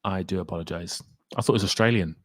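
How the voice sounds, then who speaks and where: A man's voice: sits low, fast talker, no room sound, clean studio sound. A man hosting a casual live stream, reading viewer comments aloud and energetically urging viewers to hit the like button. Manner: reacting to chat comments one by one. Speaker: livestream host reading viewer chat.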